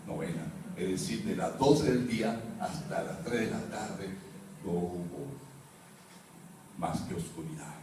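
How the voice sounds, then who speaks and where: A man's voice: medium pitch, a little mellow. A man preaching a sermon as pastor, teaching and putting questions to his congregation. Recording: roomy echo, mic far off, faint room noise.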